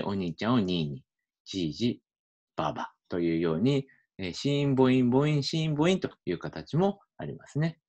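Lively man explaining linguistics. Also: sits low. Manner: relaxed, thinks aloud with many fillers. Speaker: linguistics researcher. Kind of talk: explanatory lecture video.

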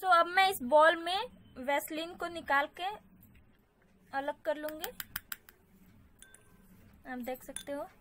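A woman's voice: high voice, slow pace, pauses often, pushed and bright, a little hiss or hum. A woman hosting a home beauty channel, narrating a do-it-yourself tutorial in a chatty way. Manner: chatty, repeats "so guys". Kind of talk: DIY tutorial voice-over.

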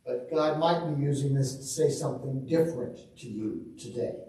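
A middle-aged male pastor at a pulpit, reading scripture and preaching in a slow, measured way with dry asides, recorded from a distance in a large church sanctuary. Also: on the high side, mellow. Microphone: far camera. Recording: echoey church from far off.

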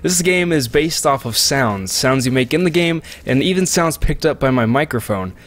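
A man with a medium pitch and lively intonation speaks at a normal pace as he casually commentates a let's play, cracking jokes and wandering off topic for viewers on a close desk microphone.

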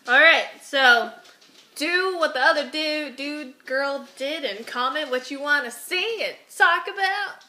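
A woman's voice: sits high, measured pace, bright, forceful tone. A young woman chatting casually and playfully as a vlogger co-hosting a video in a home kitchen. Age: young adult. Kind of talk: casual chat. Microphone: device camera mic at about arm's length. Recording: faint noise, home camera mic.

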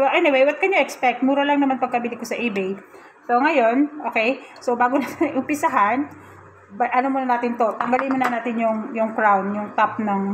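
A woman's voice: fairly high pitch, background noise. A woman chatting casually in a home kitchen vlog, giggly and self-mocking. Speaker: vlogger.

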